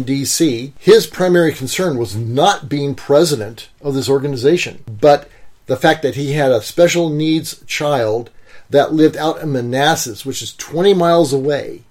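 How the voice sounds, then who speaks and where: A man co-hosting a conversational podcast, telling an example at a measured pace with some fillers. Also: fairly high pitch, a little mellow. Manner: storytelling, measured with occasional fillers. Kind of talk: casual explanatory chat.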